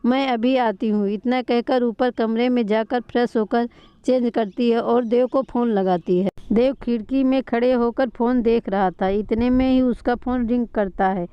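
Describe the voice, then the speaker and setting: A woman calmly narrating a scripted family drama story. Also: on the high side, normal speed, smooth, no echo. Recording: dull lo-fi recording.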